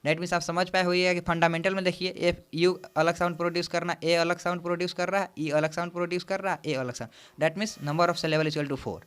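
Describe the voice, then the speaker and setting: Male teacher, clear voice, slightly high, counts out syllables patiently. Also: fairly even intonation, a bit bright. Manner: explains slowly, counting aloud, mixing English terms into Hindi. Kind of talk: exam-prep lecture.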